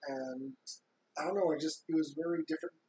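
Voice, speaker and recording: A woman's voice: deep voice, fairly even intonation, brisk, mellow. A woman co-hosting a podcast in a casual, conversational way. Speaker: podcast co-host. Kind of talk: casual chat. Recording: roomy, with some background noise.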